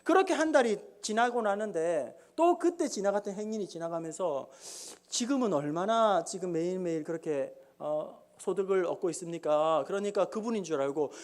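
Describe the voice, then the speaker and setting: A male pastor preaching a sermon in a church, telling stories in an animated way and acting out the characters' voices. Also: high-pitched, normal speed, few pauses. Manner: animated storytelling with acted-out voices. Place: church sanctuary.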